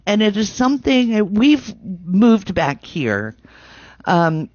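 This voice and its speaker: Woman, radio host, casual interview chat, chatty storyteller, medium pitch, dry room, dull lo-fi recording. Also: big pitch swings, slow, darkish tone, no room sound.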